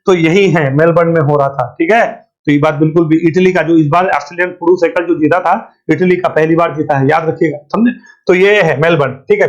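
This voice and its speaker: High-pitched quizzing teacher, lo-fi. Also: male voice. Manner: colloquial, keeps asking and answering his own questions with "thik hai". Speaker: current affairs teacher. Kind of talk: exam-prep lecture. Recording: dull lo-fi sound.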